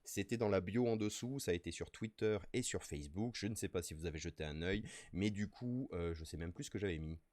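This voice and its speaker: A man with a French accent hosting a casual nature live stream, playful and excitable as he reads the chat aloud. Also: sits low, fairly quick, few pauses, no room sound. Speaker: streamer host.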